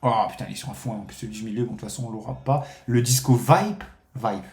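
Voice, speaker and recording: A man's voice: fairly low pitch, rapid-fire, gravelly, roomy sound, soft background music. A man streaming a live casino game, commenting on his bets with frequent swearing and talking to viewers as friends. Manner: excitable, swears often, addresses viewers as friends.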